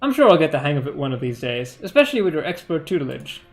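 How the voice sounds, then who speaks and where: A man's voice: a little high, very animated, fast talker, soft background music. A man voicing a straight-laced, serious male police detective in a video game, earnest and dry.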